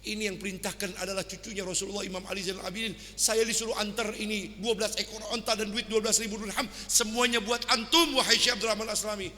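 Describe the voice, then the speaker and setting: A man as a quiet, dutiful servant. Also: high-pitched, fairly even intonation, fast talker, hardly any pauses, slight background noise. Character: dutiful male servant delivering gifts. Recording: long hall reverb.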